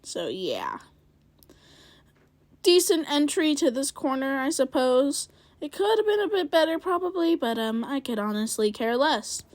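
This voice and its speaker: A high-pitched woman talks through her racing laps in a casual play-by-play. She rambles, grades her own turns, and fills gaps with ums. Her voice is close and dry, with no room sound around it. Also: big pitch swings, a little slow, no room sound. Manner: rambling play-by-play, self-critical, many fillers. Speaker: gaming video creator. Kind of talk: casual racing game commentary.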